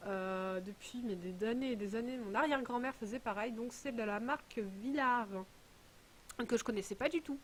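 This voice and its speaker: A woman's voice: on the high side, moderate pace, a little hiss or hum. A woman vlogger chatting casually while unboxing a parcel, rambling and full of hesitations. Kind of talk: casual chat.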